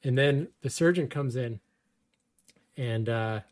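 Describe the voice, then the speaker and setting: A man in his thirties, a storyteller guest, casually tells a personal story with wry, self-deprecating humor and frequent laughter. His voice is medium in pitch and his pace is slow.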